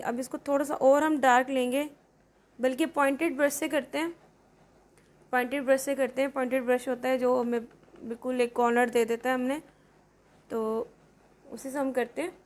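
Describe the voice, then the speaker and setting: Chatty high-voiced woman makeup vlogger. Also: steady tone, moderate pace, pauses often. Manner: chatty, repeats "theek hai" often. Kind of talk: casual makeup tutorial.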